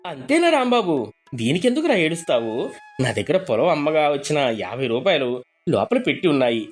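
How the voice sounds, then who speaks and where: A man's voice: on the high side, sing-song, moderate pace, faint music behind. Man playing a naive, generous village husband, coaxing and open-handed, cartoon story. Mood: cheerful. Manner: soft-hearted, trusting, coaxing. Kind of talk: animated story voice acting.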